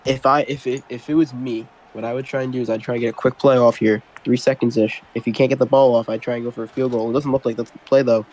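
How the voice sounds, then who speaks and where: A man's voice: medium pitch, steady tone, fast, few pauses, darkish tone, poor audio. A man doing casual amateur play-by-play football commentary, rambling and correcting himself as he goes. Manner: rambling, self-correcting, apologetic while multitasking.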